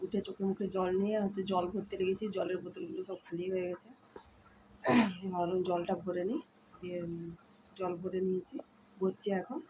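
A woman's voice: lowish voice, fairly even intonation, brisk, pauses often, noisy background. A woman from India in casual daily vlog chat, tired from the heat, giving a running commentary on her chores at home. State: hot and tired. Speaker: vlogger. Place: home kitchen and rooms.

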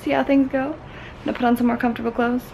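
A woman's voice: a little high, level tone, quick pace, creaky, poor audio. A young woman rambling through a casual vlog unboxing, chatty and full of "like". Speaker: beauty vlogger.

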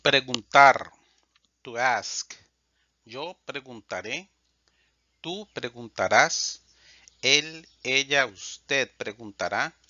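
A man teaching Spanish, reading verb conjugations aloud in a measured, drilled way. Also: medium pitch, sharp tone, no echo. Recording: dull lo-fi dry sound.

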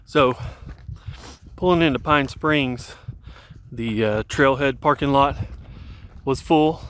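A hiker vlogger in his thirties walks downhill on a mountain trail, filming himself with a camera at arm's length. He speaks slowly in a medium-pitched voice, rambling in a relaxed way with fillers and restarts.

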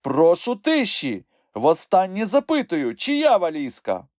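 A woman's voice: on the low side, huge pitch swings, slow pace, a little mellow, no room sound, studio quality, pitched above the performer's own voice, heavily acted. A woman voicing a pompous young male creature who plays judge, speaking in a stern, officious, clipped way.

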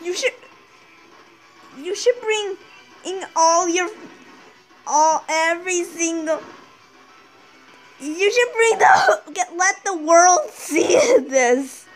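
Young girl co-host, slow and teasing, high-pitched, filmed on a phone at home. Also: soft background music, poor audio. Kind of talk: casual let's-play chat. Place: living room in front of a TV. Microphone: phone camera filming the TV.

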